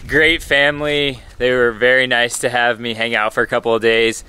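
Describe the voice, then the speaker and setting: A man's voice: mid-range voice, little pitch movement, normal speed, clean tone. A young man hosting a travel vlog, chatting playfully outdoors by the water. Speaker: travel vlogger. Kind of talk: casual chat. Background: loud music.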